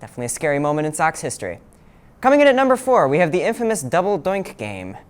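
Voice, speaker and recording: A young man working as a sports reporter, narrating a scripted feature and hitting each new item with animated, swooping emphasis. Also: a little high, quick pace, clear, resonant tone. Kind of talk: scripted news package narration.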